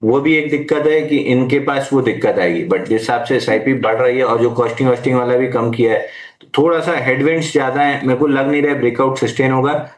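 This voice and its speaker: A man's voice: medium pitch, reverberant. A man, a stock market analyst, patiently answering viewer questions in a live market Q&A, mixing in English trading terms. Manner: patient, advisory, uses Hindi mixed with English terms.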